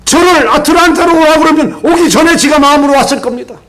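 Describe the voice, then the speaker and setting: An older man preaching a sermon as pastor, telling stories with lively swings between loud emphasis and quiet asides, and leading the congregation in responses. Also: very high voice, quick pace. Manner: leads the congregation in call-and-response.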